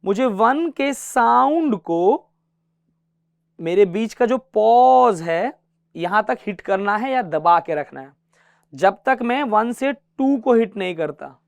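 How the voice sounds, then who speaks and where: A man's voice: sits high, expressive, takes it slowly, gravelly, smooth, no room sound, clean studio sound. A man teaching a guitar class, patiently counting beats aloud and mixing English terms into his explanations. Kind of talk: classroom music lesson.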